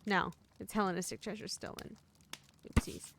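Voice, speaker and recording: A woman's voice: medium pitch, very animated, creaky, a bit bright. A woman streaming a detective game, chatting casually and laughing easily with her co-player. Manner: easygoing, quick to laugh. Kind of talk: casual gaming chat.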